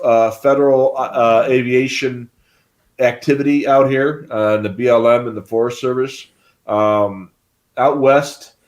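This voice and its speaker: A man co-hosting a live stream, explaining in a casual, rambling way with many fillers. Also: medium pitch. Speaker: livestream co-host.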